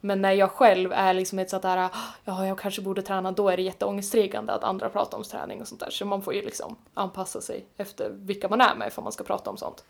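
A woman's voice: medium pitch, creaky, few pauses. A woman in casual chat, talking openly and acting out her own past thoughts with lots of fillers.

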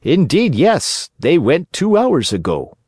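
A man's voice: on the high side, huge pitch swings, slow pace, a little mellow, breathy edge, no room sound, studio quality, pitched above the performer's own voice, exaggerated voice. A man voicing a sly, falsely polite male innkeeper. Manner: mock courteous.

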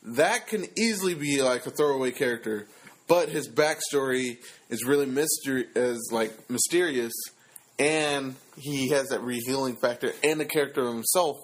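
Man, casual chat, jokey, rambling, mid pitch. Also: normal speed, low-quality recording.

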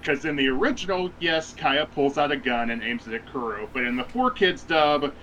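A man's voice: a little high, animated, normal speed, bright, forceful tone, slight background noise, low-quality recording. A man co-hosting a podcast in casual chat, wry and profane, laughing often. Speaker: podcast co-host.

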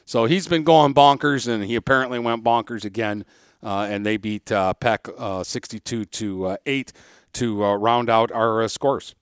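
A man co-hosts a sports podcast in an easygoing, chatty way, pausing on filler words. His pitch sits in an average male range. The recording is close and dry. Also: steady tone, smooth, no room sound. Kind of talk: casual chat.

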